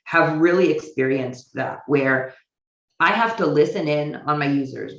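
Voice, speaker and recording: An American woman, calling in from a home office in Israel, addresses a virtual conference through what sounds like a muffled, slightly roomy video call. Her bass, creaky voice proceeds thoughtfully and hesitantly, stopping on fillers and restarting sentences as she sorts out her thoughts.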